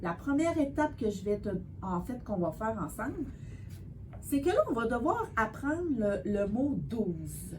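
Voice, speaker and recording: A woman's voice: on the high side, sing-song, a little hiss or hum. Patient woman tutoring a child. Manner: patient, encouraging, sounds out words slowly. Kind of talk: one-on-one spelling lesson.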